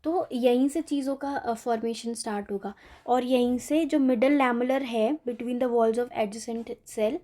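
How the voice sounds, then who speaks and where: A woman teacher works through an exam-prep biology lecture at an unhurried pace. Her voice sits a little high yet sounds soft and mellow. She reads English textbook lines slowly and keeps checking in with listeners. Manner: mixes Hindi explanation with slowly read English textbook lines; checks in often with "theek hai".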